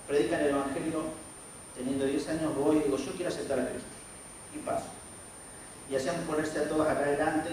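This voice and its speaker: A man in his forties speaks with an Argentine accent and a slightly high voice, telling his own story as a sermon and acting out what others said to him. He sounds set back from the mic in a very reverberant church hall. A faint noise floor sits under his voice. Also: distant mic. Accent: Argentine Spanish. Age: 40s. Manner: storytelling with acted quotes of others. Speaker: preacher. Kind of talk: sermon testimony. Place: church sanctuary.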